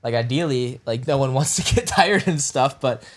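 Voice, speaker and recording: A man's voice: medium pitch, animated, normal speed. A man in his early twenties co-hosting a podcast, chatting in a rambling, laid-back way with lots of filler words. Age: early 20s. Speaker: podcast co-host. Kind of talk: casual chat.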